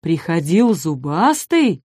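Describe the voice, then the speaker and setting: A woman voicing a huge, gentle male long-necked dinosaur in a children's storybook, speaking slowly and deliberately. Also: on the low side, no room sound, studio quality, lightly acted. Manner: slow, deliberate.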